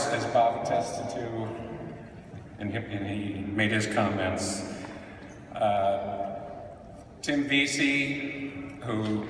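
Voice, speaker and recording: A middle-aged man giving an acceptance speech at a podium, speaking haltingly with frequent pauses. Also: mid-range voice, a bit bright. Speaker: award recipient, veteran film editor. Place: large indoor hall at an awards event. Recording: very echoey hall, distant mic, faint noise.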